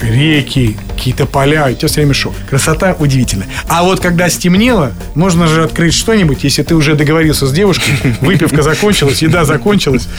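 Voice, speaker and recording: A man's voice: fairly high pitch, fast talker, few pauses, music in the background. A man in his fifties, an actor guest on a radio show, telling rambling, joking stories in casual studio chat.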